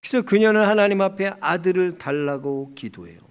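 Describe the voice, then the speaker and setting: A man with a notably high voice delivers a sermon. His preaching is passionate and dramatic. He lurches between ringing, forceful peaks and quiet, breathy lows that are close to a whisper. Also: fairly quick. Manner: impassioned, swinging from loud cries to hushed near-whispers. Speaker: pastor.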